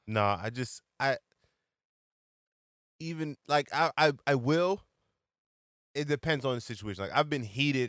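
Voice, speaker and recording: A man in his late twenties in a casual chat, blunt and slangy, quick to agree. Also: mid-range voice, a bit bright, no room sound, studio quality. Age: late 20s.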